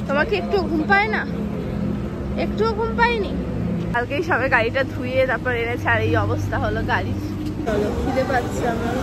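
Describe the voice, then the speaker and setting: A young woman chats her way through a road trip vlog, correcting herself as she goes. Her voice sits high. Her phone mic picks up loud car and road noise behind her. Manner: chatty and self-correcting, hushed at times. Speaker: vlogger. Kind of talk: casual travel vlog narration.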